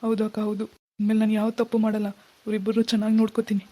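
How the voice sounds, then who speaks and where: A woman voicing a meek, remorseful village husband who soothes his wife, talking slowly and repeating himself. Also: mid-range voice, completely flat delivery, mellow, voice pushed down, close to an everyday voice. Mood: hopeful.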